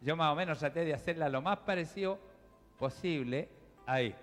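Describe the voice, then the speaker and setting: A man's voice: on the high side, moderate pace. A man preaching a sermon as pastor, explaining to the congregation in a chatty, direct way. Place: church hall. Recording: reverberant church hall with music.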